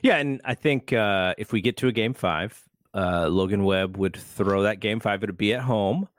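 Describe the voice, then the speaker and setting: A man's voice: on the low side, moderate pace, no echo, studio quality. Easygoing man in a sports podcast chat. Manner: easygoing, hesitant, many fillers, laughs often. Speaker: podcast co-host.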